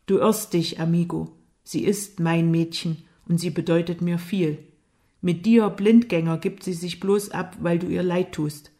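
A woman voicing an angry, jealous young man who speaks loudly and with hostile taunts, in an audiobook. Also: on the low side, fairly even intonation, a little slow. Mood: taunting.

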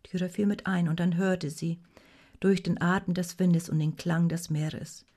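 Low, mellow woman narrating a story. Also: flat delivery, measured pace. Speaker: audiobook narrator.

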